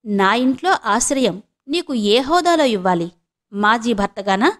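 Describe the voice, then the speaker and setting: A proud middle-aged woman, voiced by a female narrator who speaks sharply and with scorn. She snaps out short questions in a high voice and does not hide her contempt. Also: lively intonation, unhurried. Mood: scornful.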